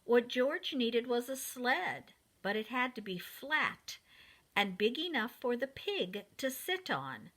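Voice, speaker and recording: A woman whose voice is on the high side reads a picture book to young children, speaking to them directly in an expressive, deliberate manner.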